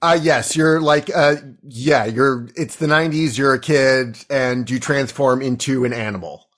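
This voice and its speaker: A man's voice: mid-range voice, a little slow, a bit bright. A man in his thirties hosting a comedy chat, rambling and often stopping to correct himself and apologize. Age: 30s. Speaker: host running the question game. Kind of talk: casual comedy podcast chat.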